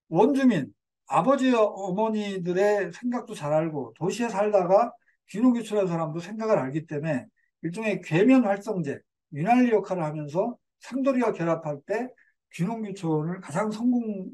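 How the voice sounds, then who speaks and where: A man's voice: high voice, animated, normal speed, dark tone. An older man giving a community lecture in a digressive way, with fillers and self-corrections.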